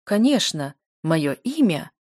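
A woman's voice: on the low side, very animated, takes it slowly, a little mellow, no room sound, clean studio sound. A woman reading the part of a mocking, arrogant male town healer in an audiobook, jeering and cackling. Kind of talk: audiobook character voice.

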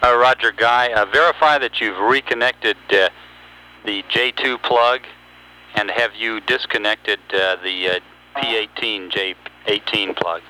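A man's voice: lowish voice, a little slow, bright, forceful tone, poor audio. A male mission control communicator speaking in clipped, procedural phrases over a space-to-ground radio link. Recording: space radio with hum, beeps, noise.

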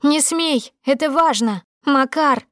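A woman reading an audiobook, voicing a desperate young woman who bursts out in loud, pleading, indignant lines, higher than her own narration. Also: moderate pace, no echo, clean studio sound, natural voice.

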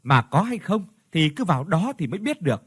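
A cocky young skeptic who jokes his way through every warning, as a male narrator puts him on. His husky voice swings up and down in a lively way, close and dry. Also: fairly high pitch, fairly quick, no echo, voice pushed up. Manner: cocky, joking.

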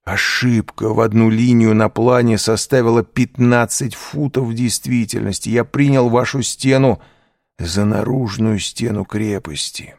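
A man reading aloud voices an older male prisoner speaking through a wall, quick and businesslike with his questions. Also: medium pitch, steady tone, darkish tone, no room sound, studio quality, pitched above the performer's own voice, lightly acted. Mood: dismayed. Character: older male prisoner, hidden behind a wall, brisk and probing.

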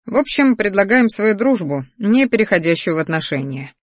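A woman voicing a steady, serious young male student in a fantasy audiobook. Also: medium pitch, normal speed, no room sound, studio quality.

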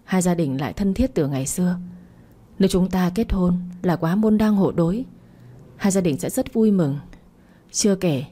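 A woman's voice: lowish voice, normal speed, warm tone, natural voice. A woman reading the part of a persistent young man who pleads with the woman he loves, in a storybook reading. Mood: pleading. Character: young man pleading with his childhood friend.

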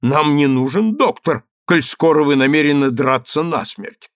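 A man's voice: fairly high pitch, lively intonation, normal speed, dry recording, natural voice. A man voicing a wry older male colonel who talks in a dry, mocking way.

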